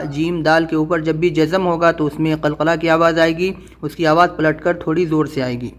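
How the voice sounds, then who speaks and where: A man teaching a recorded Quran reading lesson, rushing through explanations and drawing out each syllable when spelling words. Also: fairly high pitch. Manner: quick explanations, slow drawn-out syllable-by-syllable spelling.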